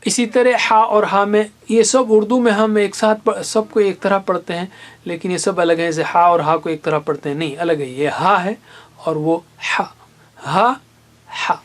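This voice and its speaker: A man instructs a class in Quran recitation, his high voice keeping a fairly even intonation. Patiently, he explains and slowly sounds out example letters and syllables.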